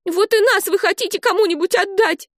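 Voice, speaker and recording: A woman voicing an excitable, lively little girl who talks in an eager, high, bright way. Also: fairly quick, no room sound, studio quality. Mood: upset.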